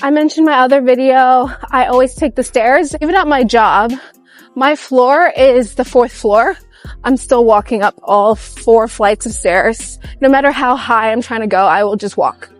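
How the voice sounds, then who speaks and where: Out on a walk, a young woman talks to her camera in a relaxed vlog, bubbly and prone to giggling. She speaks a touch slowly in a voice on the high side, and faint music plays underneath.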